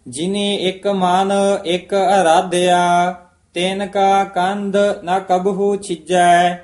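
Male student reciter; very slow, monotone chant, high voice, roomy sound. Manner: very slow, even, chanting delivery.

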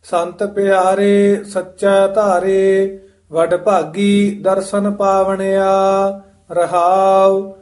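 High, slow-chanting man. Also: flat delivery, darkish tone. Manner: slow, measured chanting in long held phrases. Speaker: student. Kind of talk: chanted recitation.

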